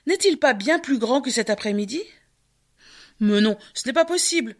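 An earnest, wise storybook man who talks with worried, lively feeling, as a woman reader puts him on. The voice sits high and bright. Her reading stays close to her own natural voice. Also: moderate pace, close to an everyday voice.

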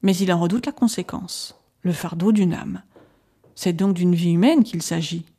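Woman reading a classic novel aloud, calm and measured, soft mellow tone. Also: lowish voice, slightly rough. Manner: measured, even reading of a doctor's journal. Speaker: audiobook narrator. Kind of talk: scripted narration.

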